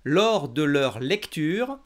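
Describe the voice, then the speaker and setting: A man's voice: a little high, sing-song, extremely slow. A man from France teaching in a scripted language lesson, articulating every word with exaggerated care. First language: French. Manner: over-enunciated, carefully articulated. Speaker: French teacher, lesson host.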